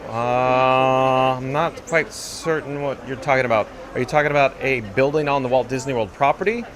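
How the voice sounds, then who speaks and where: Male livestream host amid a busy crowd. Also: medium pitch. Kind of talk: casual livestream chat, reading out viewer comments. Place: theme park queue, mostly outdoors. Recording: busy crowd around him. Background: chattering crowd.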